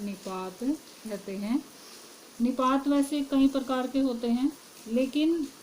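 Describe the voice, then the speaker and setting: A woman with a slightly high voice teaches a grammar lesson at an unhurried pace. She poses questions and then answers them herself, with a faint hiss of noise behind her. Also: warm tone, low-quality recording.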